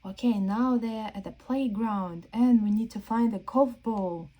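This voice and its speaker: In a muffled recording, a woman with a fairly high pitch reads a picture book to little ones at a slightly slow pace. As a children's read-aloud host, she poses simple, repeated questions in a playful back-and-forth, prompting the children to look, using repetitive phrasing for small children.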